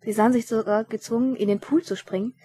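A woman's voice: on the high side, fairly even intonation, fast, mellow, breathy edge. A woman reading a story aloud and changing her voice for the characters. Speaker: narrator.

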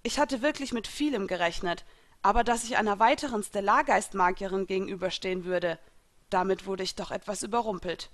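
A woman narrating a first-person fan-fiction audiobook, calm in the telling and loud at the spells. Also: mid-range voice, brisk. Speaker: audiobook reader.

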